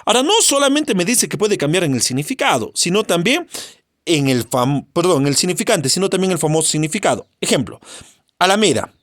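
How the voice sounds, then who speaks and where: Male teacher, Peruvian accent, high voice, very lively intonation, dry close sound, rhetorical questions. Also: brisk, dry recording. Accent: Latin American Spanish. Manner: rhetorical questions, answers them himself, emphatic. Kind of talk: recorded lecture lesson.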